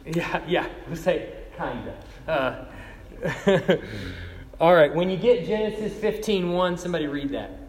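A man's voice: fairly high pitch, expressive, a little slow, a little hiss or hum. Chatty man teaching a Bible class. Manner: chatty, laughs often, calls on students by name. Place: large room with a class. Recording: echoey hall with long reverb.

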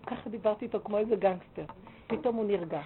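A woman giving a religious lecture, telling a counseling story in an animated, emphatic way. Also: mid-range voice. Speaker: religious teacher. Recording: tinny phone-like line with faint noise.

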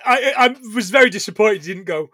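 A man with a high-pitched voice talks fast as a podcast co-host in a casual chat recapping a film. He's animated and sweary and laughs a lot, and the clean studio sound carries no room noise.

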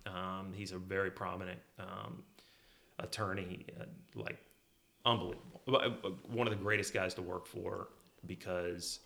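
A middle-aged man from Kansas talks in a loose, easygoing way, often poking fun at his younger self. His voice sits low and gravelly, with a bright, forceful edge. The talk sounds like a relaxed conversation between two friends. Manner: self-deprecating, laughs at his own stories. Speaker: guest, chief legal officer. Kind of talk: casual conversational storytelling.

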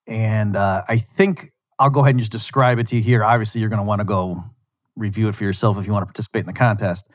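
A man hosting a show, casually retelling a scene from a show in a rambling, animated way with lots of restarts. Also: lowish voice, fast talker, no echo, clean studio sound. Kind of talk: casual storytelling monologue.

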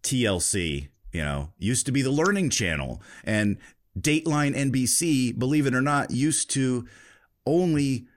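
A male podcast host interviewing a guest in a relaxed, thoughtful way, often restarting his sentences. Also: mid-range voice, measured pace. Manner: thoughtful, with frequent restarts and fillers. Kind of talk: conversational interview.

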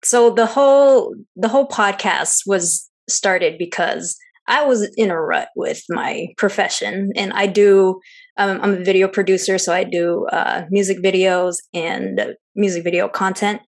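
A woman's voice: mid-range voice, unhurried. Young woman from seattle, chatty, laughs a lot, ums and likes. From Seattle, United States. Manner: chatty, laughs often, many fillers. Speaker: podcast co-host and guest. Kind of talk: casual interview chat.

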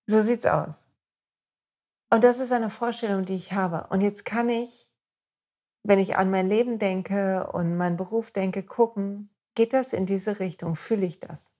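Woman podcast host, motivational self-help talk, warm and encouraging, speaks directly to the listener. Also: medium pitch, gravelly.

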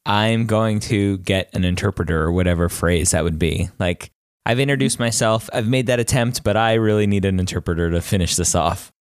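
A man hosting a podcast interview, upbeat and quick to laugh as he asks questions. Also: lowish voice, clear, resonant tone, no echo, clean studio sound. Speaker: podcast host.

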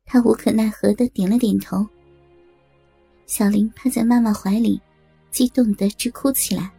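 A woman's voice: medium pitch, fairly even intonation, moderate pace, vocal fry, warm tone, breathy edge, no echo, faint music behind. A woman reading a dramatic family story aloud as a storyteller. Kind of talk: scripted story narration.

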